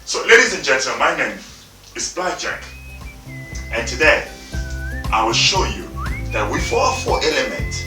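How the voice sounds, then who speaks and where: A motivational speaker from the Democratic Republic of the Congo, a man in his thirties, gives an emphatic talk in informal, non-native English, repeating himself often. His bright, forceful, medium-pitched voice has a sing-song rise and fall, a normal speed, and long pauses. He sounds slightly distant in an echoey room over faint music.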